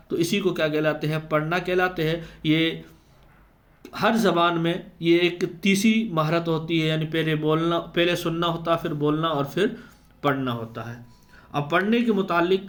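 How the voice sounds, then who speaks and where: Man, fairly high voice, exam-prep lecture, step-by-step explaining. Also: a bit bright. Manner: explains step by step, poses and answers his own questions; slows down to spell out letter sounds. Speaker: teacher.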